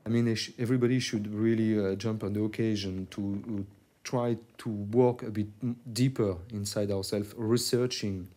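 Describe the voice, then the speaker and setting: A man who is not a native English speaker, talking reflectively and haltingly, repeating himself as he searches for words. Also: fairly low pitch, steady tone, warm tone. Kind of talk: reflective interview talk.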